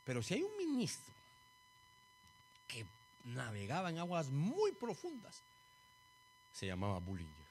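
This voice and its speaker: An animated male preacher delivers a sermon with a slightly high voice that swings widely in pitch. He keeps turning to the congregation as brother and pokes fun at himself. A faint hum sits under his voice. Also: a little slow, pauses often. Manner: jokes about himself.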